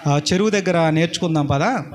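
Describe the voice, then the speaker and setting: A man's voice: fairly high pitch, fairly quick, close to an everyday voice. A man voicing an easygoing pastor who answers in a casual, matter-of-fact way. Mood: offhand. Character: calm, offhand older male pastor.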